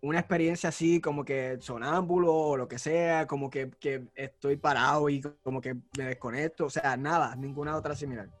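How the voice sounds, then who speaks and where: A man telling a personal story in a casual podcast chat, animated and acting out the moments. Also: a little high, brisk, hardly any pauses, faint music behind. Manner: animated storyteller, acts out shouts. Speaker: podcast co-host.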